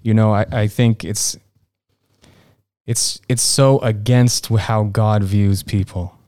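A man's voice: fairly low pitch, steady tone, slow, darkish tone, dry recording, clean studio sound. A man hosting a faith-based panel discussion, talking in a searching way and repeating words as he goes. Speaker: panel host.

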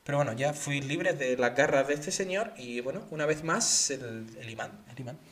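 A man's voice: mid-range voice, moderate pace. A man co-hosting a podcast, telling a story in casual chat and acting out the voices of the people in it. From Spain. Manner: animated, acts out quoted voices. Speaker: podcast co-host.

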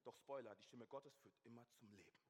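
A man preaching a sermon, shifting from hushed intensity to loud, animated storytelling. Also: mid-range voice, brisk, background noise. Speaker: pastor. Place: church hall. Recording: long church hall reverb.

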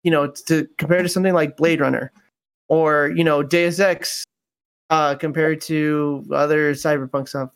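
A man with a somewhat higher-pitched voice talks casually about games as a podcast co-host. He rambles, circling back with fillers and restarts as he builds his point. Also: steady tone, moderate pace, clear, resonant tone.

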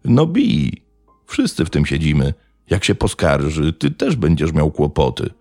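A man's voice: extremely low pitch, wildly swooping pitch, unhurried, darkish tone, no echo, clean studio sound, soft background music, full character voice. A man voicing a coarse village man who curses and barks orders at others. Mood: harsh. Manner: gruff, cursing, giving orders.

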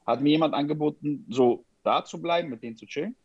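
A man's voice: a little high, fast talker, breathy edge, no echo, muffled recording. A man telling anecdotes in casual chat, blunt and emphatic, often repeating his point.

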